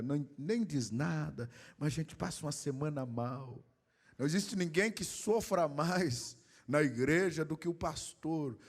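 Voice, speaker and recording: A male pastor with a Brazilian Portuguese accent delivers a sermon in a fairly high voice. He climbs into a chanting, sung preaching rhythm, then sinks to hushed, intimate asides aimed at the congregation. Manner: rising into a sung preaching cadence, then dropping to quiet asides.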